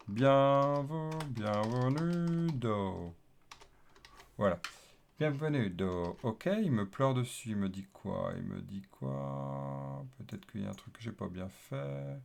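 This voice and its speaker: A man with a low, gravelly voice walks through code in a relaxed screencast tutorial, muttering to himself and filling pauses as he types. Keyboard clicks sit behind him over a faint hiss. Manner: thinks aloud while typing, many fillers and repeated okays. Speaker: developer teaching coding. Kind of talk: casual screencast coding tutorial. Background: keyboard typing and clicks.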